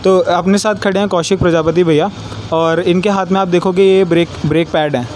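His voice sits high and is a little mellow, with fairly even intonation and a quick pace. In his casual vlog, this young man in his twenties works through car mechanics step by step in an outdoor garage workshop, somewhat hesitantly, over street and vehicle noise.

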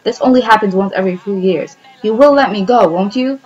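A woman's voice: mid-range voice, fairly quick, darkish tone, muffled recording, lightly acted. A woman voicing a sly, greedy female cat who answers coolly in a storybook reading. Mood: coaxing. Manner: cool, offhand replies.

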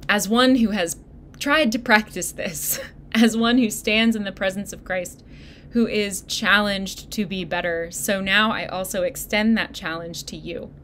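A woman pastor giving a sermon, speaking in a gentle, encouraging way straight to her listeners. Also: medium pitch, a little slow, slight background noise. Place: church video recording.

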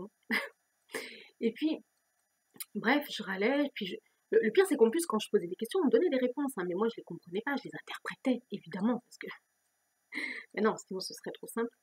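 A woman vlogger telling a personal story in a chatty, self-mocking way, laughing often and dropping into soft whispered asides. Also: mid-range voice, animated, a little fast, long pauses, husky. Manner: restless, repeating questions and restarting phrases. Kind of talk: casual personal storytelling to camera.

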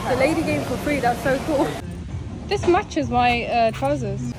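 A woman's voice: high-pitched, unhurried, loud music behind the voice, low-quality recording. A woman casually vlogging a trip, chatty and rambling with lots of fillers. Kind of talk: casual vlog chat.

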